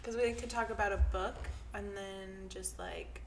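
A soft-spoken woman hosting a podcast in a relaxed casual chat. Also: mid-range voice, normal speed, a little hiss or hum.

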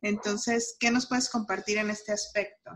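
A woman's voice: mid-range voice, flat delivery, unhurried, fairly bright tone. A woman from Mexico with a Mexican accent, interviewing a guest and musing aloud with many tag questions. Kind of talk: casual interview.

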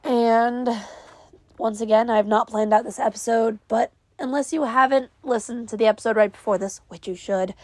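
This young New England woman runs her own podcast and rambles on in a chatty, self-mocking way, stuffy from a cold. Her voice is a little high with fairly even intonation, at normal speed and with no echo.

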